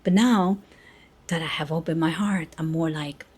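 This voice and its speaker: Rambling woman in her sixties, lowish voice. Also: fairly even intonation, moderate pace, a little mellow, breathy edge. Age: 60s. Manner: rambling, self-mocking, sarcastic asides. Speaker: artist and podcaster. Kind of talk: casual reflective monologue.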